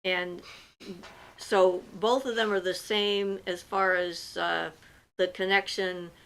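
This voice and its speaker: A woman hosts a casual livestream, reading viewers' questions aloud and then answering at length in a loose, chatty way full of fillers. Her voice is mid-range and a bit bright, and the audio is poor.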